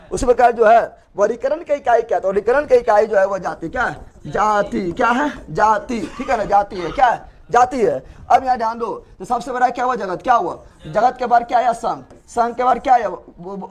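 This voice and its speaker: A male teacher gives a classroom lecture, asking a question and repeating the answer over and over. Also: high voice. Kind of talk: classroom lecture with call-and-response.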